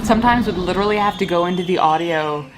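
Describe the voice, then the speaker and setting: A woman's voice: lowish voice, fast, very noisy. Chatty woman podcast co-host. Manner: chatty, explains industry terms, frequent "like". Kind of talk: casual chat reviewing a cartoon.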